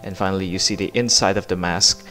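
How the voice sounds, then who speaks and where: Low-voiced man giving a hands-on review. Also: steady tone, fast talker, bright, forceful tone, soft background music. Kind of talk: hands-on product review narration.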